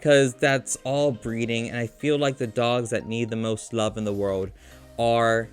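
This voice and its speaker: A man's voice: mid-range voice, flat delivery, measured pace, clean tone, faint music behind. Rambling man telling a personal story. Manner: rambling, self-interrupting, emotional. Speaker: vlogger. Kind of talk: casual storytelling monologue.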